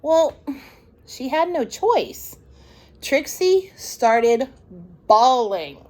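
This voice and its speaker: Reading to a group of young children at storytime, a high-voiced woman goes through a picture book very slowly. Her delivery is expressive, broken up by conversational asides.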